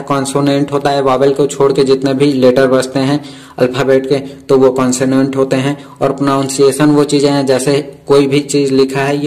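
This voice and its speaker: A man's voice: medium pitch, a little mellow, low-quality recording. A man, tutoring for a vocational exam and explaining answers to quiz questions one by one. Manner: reads each question slowly in English, then explains in Hindi.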